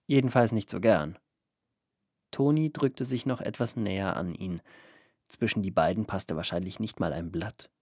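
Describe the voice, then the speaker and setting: A man narrating a first-person story in a calm, even storytelling manner. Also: low voice, normal speed, breathy edge, dry recording, studio quality. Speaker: audiobook narrator.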